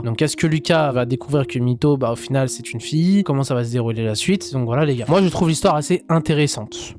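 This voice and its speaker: A man's voice: mid-range voice, darkish tone. Chatty young man reviewing anime. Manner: chatty and jokey, addresses viewers as guys. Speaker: anime video host. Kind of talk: casual anime review vlog.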